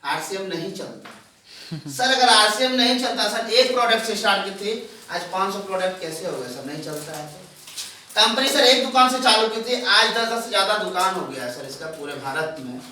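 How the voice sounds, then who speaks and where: A man's voice: high-pitched, animated, normal speed, sharp tone, slight background noise. A man presenting a sales seminar to an audience. He calls his listeners "sir" again and again and keeps asking them questions. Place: large echoing room with an audience. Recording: very echoey room, voice far from the mic.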